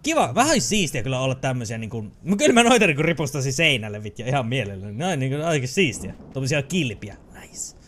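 A young man giving jokey, excitable let's-play commentary, who often shouts at the game. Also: mid-range voice, hardly any pauses, a little hiss or hum. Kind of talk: casual gameplay commentary.

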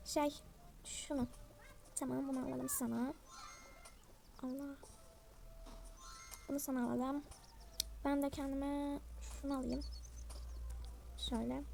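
Young girl-sounding woman doing all the voices in a doll game, high and a bit gravelly, mellow tone, faint hiss. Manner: voices several characters by herself, chatty. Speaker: channel host playing a dollhouse game. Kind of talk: playful role-play narration of a game.

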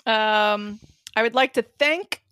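A woman co-hosting a running podcast, chatting casually with lots of fillers and an animated way of talking. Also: fairly high pitch, slow, smooth, no room sound, clean studio sound. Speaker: podcast co-host, race organizer. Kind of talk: casual chat.

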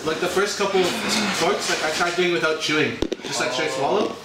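A man's voice: high voice, normal speed, far from the mic, heavy background noise. A man in his twenties chatting casually with friends. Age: 20s. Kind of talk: casual chat. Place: living room and open kitchen of a house. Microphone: camera across the room. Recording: echoey room, loud dish clatter.

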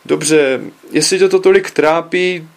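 A male narrator gives voice to a sensible mother who tries to smooth things over. She speaks calmly and reasonably in a comic storybook reading. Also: fairly high pitch, voice pushed up. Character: calm, sensible mother and wife.

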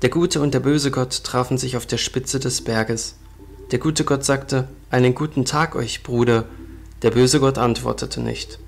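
A man reading literary parables aloud in a calm, measured, solemn manner. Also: mid-range voice, vocal fry. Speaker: audiobook narrator.

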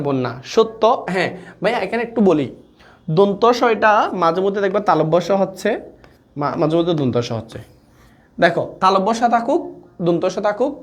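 Man teaching an online class. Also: on the high side. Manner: coaxing, repeats key points, checks understanding often. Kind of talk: live online class lecture.

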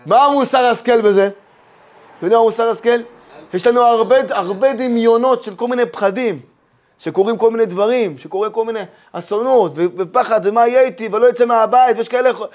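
A rabbi preaches a Torah lesson in an unusually high voice for a man. He is animated and emphatic, swinging from loud declarations to hushed asides. He tells stories and fires off rhetorical questions to the audience. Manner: storytelling, with many rhetorical questions.

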